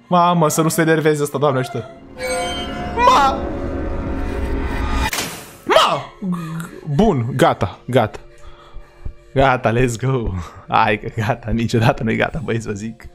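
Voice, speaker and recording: Excitable young man reacting to horror. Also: mid-range voice. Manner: excitable, slangy, yells in panic at jump scares. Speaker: reaction video host. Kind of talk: casual reaction commentary.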